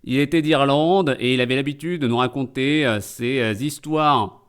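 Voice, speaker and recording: A man's voice: medium pitch, moderate pace, clear, resonant tone. A man streaming live and doing comedic translation commentary, full of joking, rambling asides.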